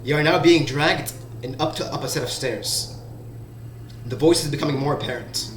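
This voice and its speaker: A man narrating as game master in the second person, slow and halting with restarts. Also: a little high, a little hiss or hum. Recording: roomy sound, faint background music.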